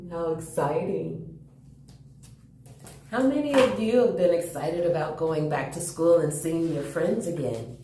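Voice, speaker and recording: A woman leads a children's storytime, reading aloud and chatting eagerly with her young audience, asking lots of questions. Her fairly low voice is slow and dark-toned. The echoing, roomy recording has slight background noise.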